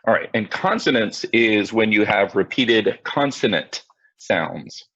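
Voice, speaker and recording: A man's voice: lowish voice, expressive, measured pace, sharp tone, dry recording. A male teacher giving a live online class lesson over a video call, talking to his students directly in a casual, self-mocking way. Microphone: computer mic on video call. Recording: dull lo-fi video call audio.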